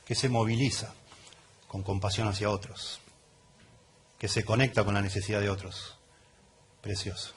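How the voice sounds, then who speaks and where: A man's voice: on the low side, a little hiss or hum. A middle-aged man with an Argentine Rioplatense accent, a pastor giving an expository sermon in a conversational way to a congregation in church, often checking in with the listeners. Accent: Argentine Rioplatense Spanish.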